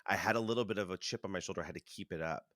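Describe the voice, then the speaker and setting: A man in his thirties, a Broadway performer talking as an interview guest, telling animated stories and chewing food as he talks. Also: low-pitched, rapid-fire, dry recording, clean studio sound. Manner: animated storytelling, acts out voices, chuckles. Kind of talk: casual conversational interview.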